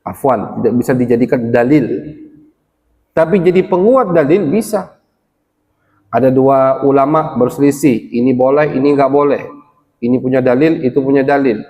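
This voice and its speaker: A man's voice: medium pitch, a little mellow. A male religious teacher giving a study lecture, quoting Arabic passages and explaining each in plain terms. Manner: explains slowly, quotes Arabic text then translates. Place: village gathering hall. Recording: long hall reverb.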